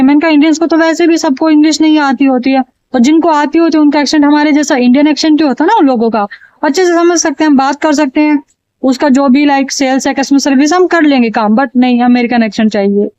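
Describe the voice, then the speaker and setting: High-voiced exasperated woman vlogging. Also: darkish tone, no echo, highs cut off. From India. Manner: exasperated, chatty, repeats phrases for emphasis. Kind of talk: casual ranting vlog to camera.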